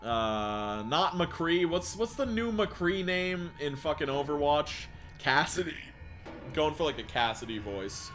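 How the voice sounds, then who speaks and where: A man reads creepy stories aloud on a live stream in a relaxed, profane way, stopping to chat with viewers. His pitch moves a lot and sounds animated. Quiet music plays faintly behind him. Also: slow. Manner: casual and profane, laughs and reacts between lines.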